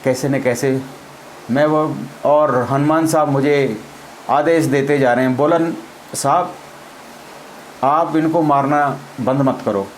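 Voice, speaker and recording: A man's voice: medium pitch, steady tone, slow, long pauses, a little hiss or hum, poor audio. Man telling a war story. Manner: acts out quoted dialogue, laughs as he tells it. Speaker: former army officer recounting a battle. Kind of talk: spoken personal storytelling.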